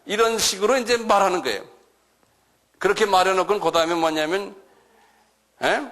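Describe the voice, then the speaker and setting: A middle-aged man giving a sermon lecture to a congregation. He talks in an animated way, acts out scolding voices and keeps checking in with his listeners. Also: high voice, a little fast. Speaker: pastor.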